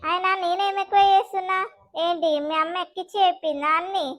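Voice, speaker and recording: A woman voicing a quarrelsome young village daughter-in-law with a Telangana accent, firing back sharp retorts. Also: very high voice, steady tone, fast. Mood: combative.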